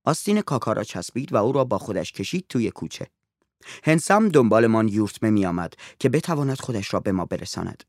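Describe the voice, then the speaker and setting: A man narrating a story in an expressive reading voice. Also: on the low side, dry recording, studio quality.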